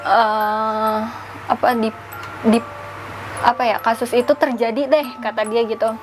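A young woman in her twenties casually retelling a ghost account, halting and searching for words, on a lapel mic in an indoor studio. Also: on the high side, over music. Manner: halting, searching for words, animated hand gestures. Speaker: storyteller. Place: indoor studio with a draped backdrop.

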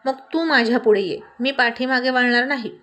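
A woman's voice: a little high, moderate pace, fairly bright tone, lightly acted. A woman voicing a sulky, affectionate girlfriend. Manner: pouting, sweet-talking.

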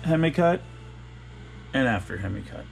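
A man's voice: mid-range voice, animated, normal speed, gravelly. A man with a mid-range voice films in a machine shop and chimes in with short, upbeat prompts. Faint music sits far in the background. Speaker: camera operator. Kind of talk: casual shop chat.

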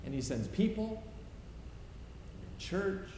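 A middle-aged male pastor preaches a sermon from the pulpit of a large church sanctuary, leaning hard on short phrases he repeats. His voice is high-pitched and darkish, very animated yet slow-paced. The recording carries roomy church reverb and faint hiss.

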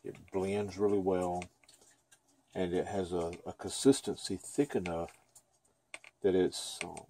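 A man's voice: low-pitched, flat delivery, takes it slowly, dark tone, a little hiss or hum. A man giving a casual, chatty painting lesson at his easel, thinking aloud as he works. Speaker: painting instructor. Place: dim room at an easel.

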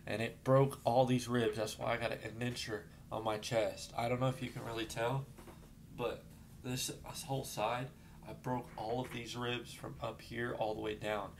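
Man of middling pitch with a gravelly edge, rambling through a shaken personal account; light background rumble. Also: normal speed. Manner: rambling, with many fillers and restarts; gets shaken and apologizes, trying to calm down. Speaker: vlogger telling his life story. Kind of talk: emotional personal storytelling.

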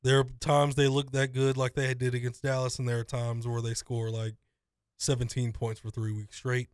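Man, playful teasing co-host, mid-pitched, dry close studio sound. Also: completely flat delivery, moderate pace, clear, resonant tone, no echo. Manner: playful teasing, dramatic ribbing. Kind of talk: casual sports podcast chat. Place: small podcast studio. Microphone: studio mic on boom arm, headphones.

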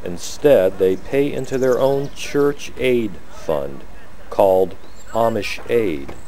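A man narrates a documentary in a calm, measured, explanatory voice. His voice sits somewhat low with a dark, mellow tone. A faint hiss of noise lies under the recording. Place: voice-over, not recorded at the pictured site.

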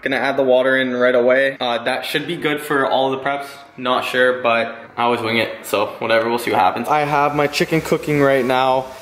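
A man's voice: mid-range voice, steady tone, brisk, hardly any pauses, a bit bright, slight background noise. A young man in his twenties vlogging casually from his home kitchen, filling his talk with "like" and swearing now and then, on a handheld camera. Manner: laid-back, filler-heavy, swears casually. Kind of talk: casual vlog walkthrough. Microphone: handheld camera at arm's length. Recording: echoey kitchen room sound.

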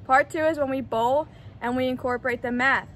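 A woman's voice: high voice, fairly even intonation, fairly quick, fairly bright tone, slight background noise. A young woman P.E. teacher explaining a game step by step, recorded outdoors on a driveway by a camera at mid distance. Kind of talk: instructional demonstration. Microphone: camera on a tripod at mid distance.

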